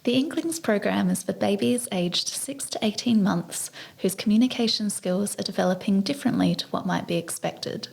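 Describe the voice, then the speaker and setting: Gravelly-voiced woman hosting. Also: medium pitch. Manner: warm, measured, scripted introductions. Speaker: guest host. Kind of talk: podcast interview.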